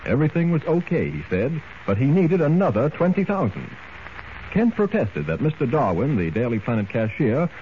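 A man narrating an old radio drama in a measured 1940s storytelling style, heard as an old radio broadcast. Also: mid-range voice. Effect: old radio broadcast sound. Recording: dull lo-fi old radio recording, faint hiss.

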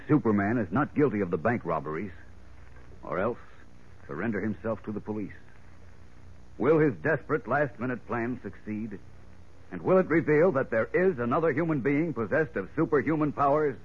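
A dull, lo-fi vintage radio recording of an American man as an old radio announcer. His voice is husky and medium-pitched, and he narrates a serial with dramatic suspense. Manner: dramatic, suspense-building delivery.

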